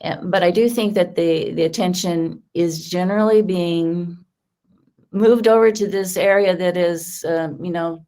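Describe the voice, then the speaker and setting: A woman co-hosting a discussion program, her voice sitting a little low. She speaks in a measured, thoughtful way and pauses on frequent fillers. Her delivery stays even and conversational. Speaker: co-host.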